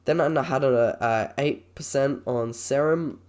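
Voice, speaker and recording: A man with a croaky, slightly sick voice, talking informally and a little hesitantly as he reviews trades on a screen recording. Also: mid-range voice, unhurried, darkish tone. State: sick with a cold or cough. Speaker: trader presenting a video.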